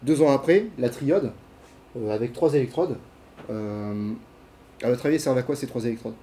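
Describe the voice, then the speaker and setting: A man's voice: medium pitch, moderate pace, warm tone, a little hiss or hum. A man giving a casual classroom lecture, with many fillers, restarts and questions to his students. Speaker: university lecturer. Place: lecture hall.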